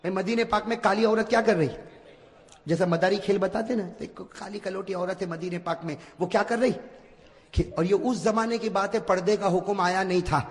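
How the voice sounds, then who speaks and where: A man preaching a religious sermon, emphatic, dropping to low asides and rising to shouts, calling on the audience to repeat after him. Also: steady tone. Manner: addresses audience directly, asks them to repeat. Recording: reverberant hall.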